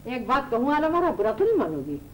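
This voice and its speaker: An actress playing a playful, teasing older aunt who cheats at a board game, in an old TV drama. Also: female voice, on the high side, sing-song, a little mellow, rough recording. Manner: playful and teasing, quick to laugh. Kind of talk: 1980s TV drama acting. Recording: old TV drama audio, light noise.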